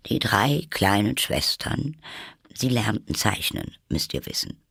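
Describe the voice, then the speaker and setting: A man reading a storybook aloud, voicing a sleepy, grumbling dormouse who tells a story slowly. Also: fairly low pitch, very animated, gravelly, bright, forceful tone, husky, no room sound, studio quality, pitched above the performer's own voice, exaggerated voice. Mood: drowsy. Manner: slow, drowsy, grumbling.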